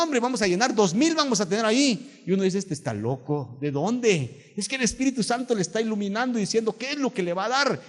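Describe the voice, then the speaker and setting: A middle-aged man with a Guatemalan accent preaches in a fairly high voice. He tells stories and acts out the people in them. The church sanctuary gives a long, lingering reverb. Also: a little mellow. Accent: Guatemalan Spanish. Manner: storytelling preacher acting out quoted voices. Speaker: pastor. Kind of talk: sermon.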